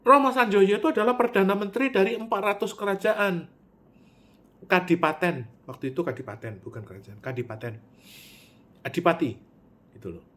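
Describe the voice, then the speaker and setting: Man, slightly high voice, animated monologue with sharp swings in volume. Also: a little fast, pauses often. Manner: animated storytelling, with sudden loud pitch jumps and drops to near-mutter; Javanese words mixed in.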